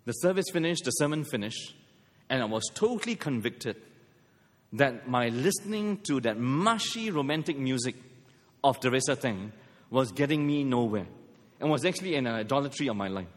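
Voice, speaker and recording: Heard with long hall reverb, this middle-aged pastor from Malaysia speaks in a mid-range voice with lively intonation at a moderate pace. He weaves scripture together with humorous, self-deprecating personal anecdotes.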